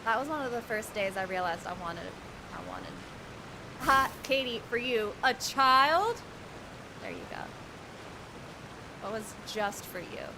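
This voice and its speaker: A woman's voice: fairly high pitch, very animated, measured pace, long pauses, background noise. A young woman streaming a video game, chatting casually in a rambling, slangy way. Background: game music.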